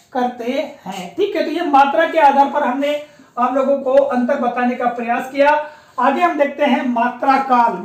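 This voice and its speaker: A woman teaching a patient, explanatory lesson, often pausing to check that her students follow along. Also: high-pitched. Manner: patient, explanatory, often repeats a confirming filler. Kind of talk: classroom-style lecture on pronunciation. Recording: echoey room.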